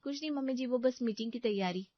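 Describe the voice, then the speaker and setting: A woman voicing a polite, deferential young working wife in an animated story. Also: on the high side, fast, no echo, close to an everyday voice. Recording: dull lo-fi dry recording.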